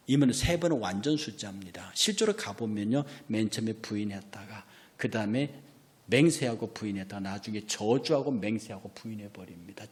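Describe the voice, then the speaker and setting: A male pastor preaching a Friday prayer service sermon in a church, swinging between hushed whispers and loud outbursts. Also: mid-range voice. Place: church sanctuary.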